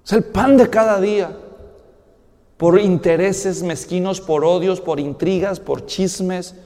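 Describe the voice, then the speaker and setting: A man preaching a sermon as a pastor, telling a Bible story with lively, animated delivery. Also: sits high, slow pace, big-room sound. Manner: animated storytelling, acting out biblical characters with big swings in volume.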